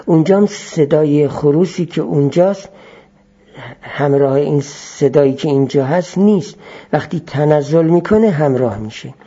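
A man teaching philosophy in a measured lecture style, repeating key phrases as he explains. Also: on the high side, mellow, husky, dull audio.

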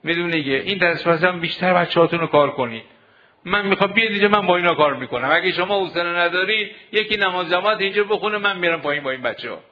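A man preaching a sermon to seminary students, exhorting them with rhetorical questions. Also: high voice. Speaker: cleric teaching seminary students. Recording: dull lo-fi recording.

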